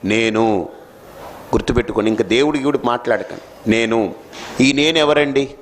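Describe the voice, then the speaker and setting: A man's voice: medium pitch, normal speed, slight background noise. A man giving a spiritual discourse, who asks his listeners questions and answers them himself, stressing key lines. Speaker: spiritual teacher. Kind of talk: sermon.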